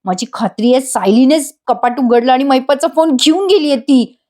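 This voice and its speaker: Woman doing scheming young wife, tearful pleading, high voice, storybook retelling. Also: moderate pace, darkish tone, close to an everyday voice. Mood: sharp. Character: scheming young wife, sobbing to win sympathy.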